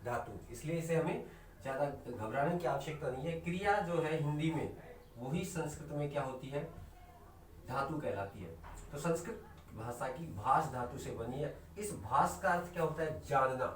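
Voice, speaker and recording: Recorded at a distance in an echoey room with a little hiss or hum, an Indian man runs an online Hindi lesson. His slightly high voice has lively intonation; he poses questions, answers them himself, repeats key terms, and slows down sharply on definitions.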